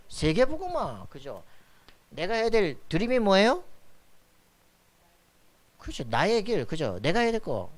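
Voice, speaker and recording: A pastor preaching a sermon, firing questions at the congregation and pressing for their answers. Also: male voice, high voice. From Korea. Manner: call-and-response questions to the congregation, emphatic. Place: church sanctuary.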